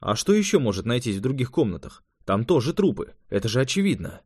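Eager young male mage in an audiobook, higher and livelier than the narration, dry close sound, voiced by the male reader. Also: sing-song, quick pace, darkish tone, husky, no echo. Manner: raised, eager, explanatory.

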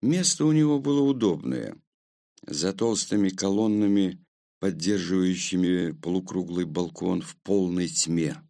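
A man reads a first-person story aloud in a slow, measured manner. His voice sits low with a gravelly edge, unhurried throughout. The sound is close and dry. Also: mellow, no echo. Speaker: audiobook narrator. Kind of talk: first-person audiobook narration.

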